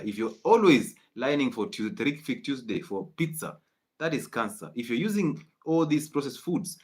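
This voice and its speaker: A man lectures his viewers in a live-streamed health talk. His pitch is middling, and his delivery is preachy and insistent, circling back to drive each point home. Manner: emphatic, preachy, repeats key points. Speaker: health educator.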